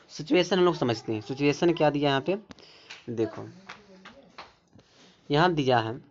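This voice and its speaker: Man teaching pronunciation, dull lo-fi sound. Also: fairly high pitch. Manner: repetitive, keeps pointing things out. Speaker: English teacher. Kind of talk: explaining pronunciation rules. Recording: dull lo-fi recording.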